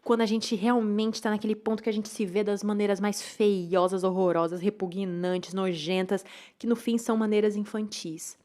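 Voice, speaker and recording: A woman's voice: mid-range voice, steady tone, normal speed, a little mellow. Candid Brazilian woman musing aloud. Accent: Brazilian Portuguese. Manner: candid and confessional, with restarts and trailing asides. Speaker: podcast host. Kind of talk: personal reflective monologue.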